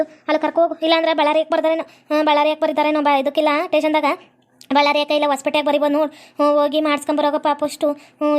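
A woman's voice: high voice, darkish tone, lightly acted. A woman playing a chatty, worried middle-aged village mother. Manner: chatty, fussing, quick-talking. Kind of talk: comedy skit acting.

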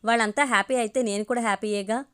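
A woman reading the lines of a gentle, shy young woman in an audio story, speaking softly. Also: a little high, steady tone, quick pace, clear, resonant tone, close to an everyday voice.

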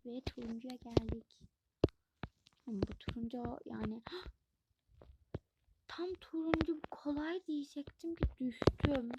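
A woman giving casual let's-play commentary, chatty and easily stressed, with frequent exclamations and soft whispered asides. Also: fairly high pitch, vocal fry. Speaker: gaming channel host. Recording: loud background noise with clicks.

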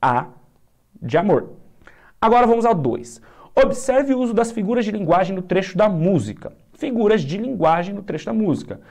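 A male teacher, going through exam questions in a casual lesson, upbeat and chatty, drawing out key words slowly. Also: high-pitched, very animated, a little mellow.

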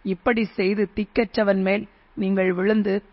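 High-voiced man reading scripture. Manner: steady, measured recitation. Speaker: Bible reader. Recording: dull lo-fi recording.

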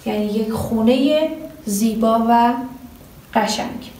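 A woman teaching English grammar at a board, quizzing students and answering herself, drawing out her example sentences slowly. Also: on the high side, dark tone, far from the mic. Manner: asks the class questions and answers them herself. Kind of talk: grammar lesson at a whiteboard. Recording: echoey room, voice from off the mic.

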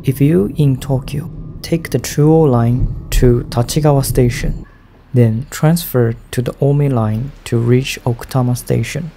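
Over soft music, a travel vlogger whose first language is Japanese delivers an unhurried voice-over in careful learner's English. His deep, mellow, dark voice has a gravelly edge and a steady tone.

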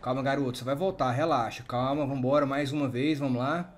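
A man's voice: medium pitch, fairly even intonation, fast. Urgent Brazilian man leading a game rescue. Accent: Brazilian Portuguese. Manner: urgent, commanding, counting out loud. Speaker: roleplay firefighter medic. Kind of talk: game roleplay over voice chat.

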